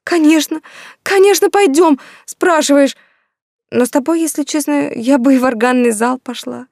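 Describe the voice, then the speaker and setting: A woman's voice: mid-range voice, sing-song, brisk, warm tone, slightly rough, no room sound, clean studio sound, voice pushed up. A woman reading an audiobook, voicing a young woman in love who speaks in a breathless, pleading way. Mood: overjoyed. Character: young woman in love, anxious then overjoyed. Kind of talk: audiobook dialogue.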